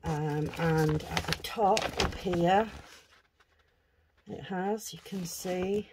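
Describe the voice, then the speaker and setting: On her craft vlog, a woman with a lowish voice draws out her words while chatting and thinking aloud over an unboxing, with a noisy background behind her.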